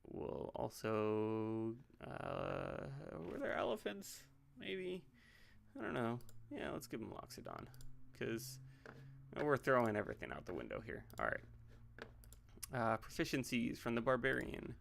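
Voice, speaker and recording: A man thinks out loud on a relaxed livestream, wandering between game choices and little jokes. His voice has a gravelly, creaky texture. His pitch rises and falls a lot as he talks, sitting at an ordinary middle height. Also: a little slow, a little hiss or hum. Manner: rambling, joking asides, thinks out loud. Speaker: pastor and livestream host. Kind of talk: casual livestream, building game characters while chatting.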